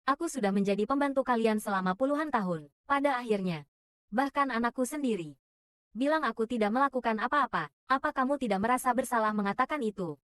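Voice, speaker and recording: Istri tua yang getir dan tersakiti, disuarakan seorang perempuan, suara agak tinggi, kering. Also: female voice, a little high, fast talker, fairly bright tone, no room sound, studio quality, close to an everyday voice. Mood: aggrieved. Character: wronged older wife, weary and bitter. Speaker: dub voice. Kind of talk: dubbed drama dialogue.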